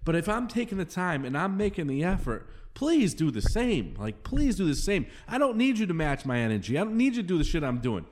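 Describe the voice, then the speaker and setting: Male podcast host, solo rant, raised pitch, wildly lively delivery. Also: a little fast, few pauses, slight background noise. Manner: angry profane venting, repeats himself. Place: home studio room.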